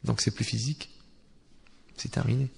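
A man teaching a Torah class who argues with imagined objections and swings from quiet asides to loudly recited Hebrew verses, with a teasing tone. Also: mid-range voice, little pitch movement, moderate pace, vocal fry, slightly rough. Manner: joking, teasing tone with listeners. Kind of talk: Torah class to a live audience.

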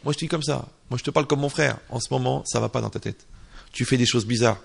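Gravelly animated French rabbi-style teacher. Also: male voice, mid-range voice, quick pace. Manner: animated, acts out little dialogues, slips in Hebrew terms. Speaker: religious teacher. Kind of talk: informal Torah lesson.

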